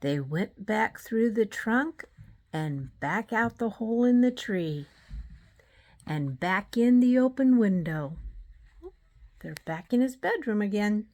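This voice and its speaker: A woman reading a children's storybook aloud in a measured, deliberate way. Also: mid-range voice, expressive, a little mellow.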